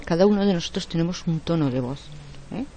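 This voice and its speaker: A woman giving an online lecture in a strong, forceful voice. She explains step by step and keeps adding quick tag questions. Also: on the low side, animated, a little hiss or hum.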